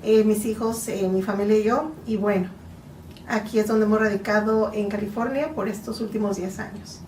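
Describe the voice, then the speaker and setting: A woman's voice: medium pitch, steady tone, darkish tone, roomy sound. Woman, 40s, from Mexico, guest therapist, earnest explanations, distant from mic, faint noise. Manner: earnest, explanatory, slow in places. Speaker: guest psychotherapist. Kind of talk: interview answers.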